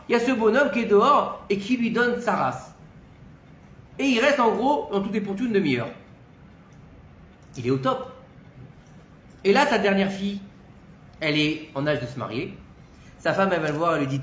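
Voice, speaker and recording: A man teaching Torah through a casual, colloquial story told with animation. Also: high voice. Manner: lively, colloquial, animated retelling. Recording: echoey room, faint background noise.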